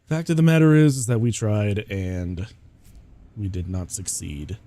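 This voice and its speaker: Sleepy stuffy guy streaming a game, keeps giggling, low-ish warm voice. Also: unhurried. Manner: giggly, rambling. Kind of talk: casual gaming commentary.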